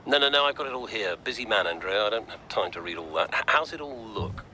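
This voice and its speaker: An actor playing a curt, dismissive older team owner in a racing game cutscene, speaking low and fast. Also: male voice, expressive, sharp tone, slight background noise. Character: smug older male team owner on call.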